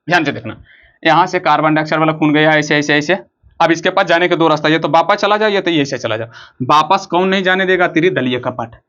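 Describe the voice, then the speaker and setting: This classroom talk on circulation and the heart comes from a man whose voice is high and a bit bright, with the top frequencies cut off. Drawing on the board as he goes, he quizzes the students, supplies the answers himself, and keeps repeating the main words.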